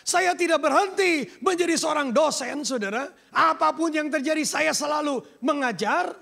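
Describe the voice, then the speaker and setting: High, gravelly male preacher. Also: normal speed, sharp tone. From Indonesia. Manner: emphatic preaching, mixing in English phrases. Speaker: pastor. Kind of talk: sermon. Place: church sanctuary.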